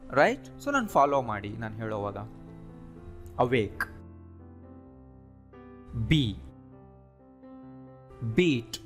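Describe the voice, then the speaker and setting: A man with a fairly high voice teaches a lesson, explaining each point step by step and often checking in with the listener. He slows down to drill word lists clearly, one word at a time. Faint music plays under his voice. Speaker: English teacher. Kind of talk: spoken English lesson.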